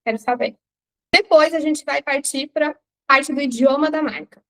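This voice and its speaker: A Brazilian woman with a high voice is teaching a recorded class. She explains things step by step and keeps turning to her students with rhetorical questions. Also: moderate pace, fairly bright tone. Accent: Brazilian Portuguese. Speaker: branding teacher.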